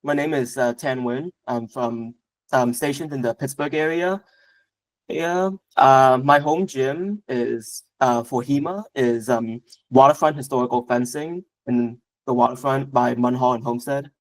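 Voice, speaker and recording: A man's voice: medium pitch, steady tone, measured pace, poor audio. A young man from Southern Vietnam, answering interview questions casually, with a lot of hesitation, fillers and restarts. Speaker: guest martial artist.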